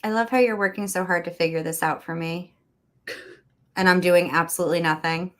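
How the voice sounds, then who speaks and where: A woman in her thirties hosts a relaxed chat from home, talking freely and laughing often. Her voice sits a little low for a woman. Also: brisk. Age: 30s. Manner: laughs often, chatty and expressive. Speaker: host. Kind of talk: casual chat on a livestream. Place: home room with neon light.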